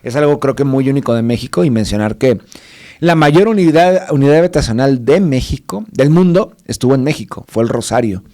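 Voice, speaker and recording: A co-host with a Mexican accent and a medium-pitched voice chats loosely on a panel show, talking a little fast. He rambles, drifts into tangents and corrects himself mid-sentence, all in a relaxed, conversational tone.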